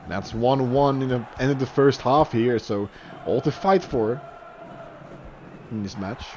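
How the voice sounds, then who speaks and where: Here a young man calls a live online match conversationally, stumbling into fillers and restarts and leaping up in pitch on goals and saves. His mid-range voice is animated, a little mellow and measured in pace; the highs are cut off and there's slight background noise.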